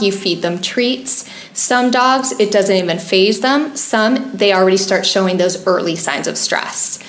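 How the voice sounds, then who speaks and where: A woman of middle pitch talks through pet advice with earnest, patient explanations. Her voice carries a noticeable room echo, as in a roomy podcast recording. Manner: earnest, explanatory, laughs easily. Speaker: podcast co-host, pet wellness expert. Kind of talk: casual podcast chat.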